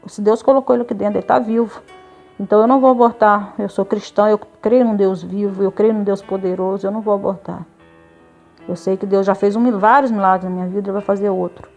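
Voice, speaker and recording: A woman's voice: medium pitch, fairly even intonation, fast talker, a little mellow, soft background music. A woman giving a religious testimony, telling her story with feeling and acting out the other people's words. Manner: emotional storytelling, retelling dialogue with quoted voices. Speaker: church member giving testimony.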